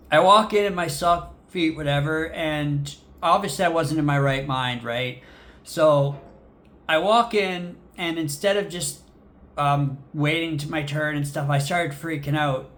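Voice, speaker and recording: A man's voice: fairly high pitch, a bit bright. A young man casually recounting a personal story, rambling with many fillers and frequent swearing. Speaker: vlogger.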